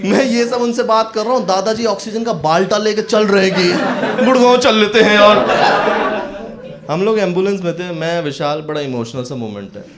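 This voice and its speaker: A male stand-up comedian telling a story in front of an audience, acting out every line of dialogue and landing punchlines loud. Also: high voice. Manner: acts out dialogue in quick voices, sudden loud punchlines. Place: comedy stage before a live audience.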